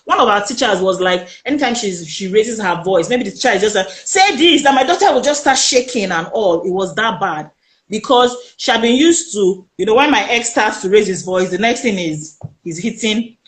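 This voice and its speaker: A woman with a Nigerian accent, a guest telling her personal story in an interview, animated and emphatic, acting out the voices of the people she quotes. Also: medium pitch, normal speed, roomy sound. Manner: animated, emphatic retelling that acts out quoted speech.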